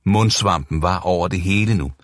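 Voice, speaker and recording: A man narrating a novel as an audiobook, in steady, even storytelling. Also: deep voice, no echo, studio quality.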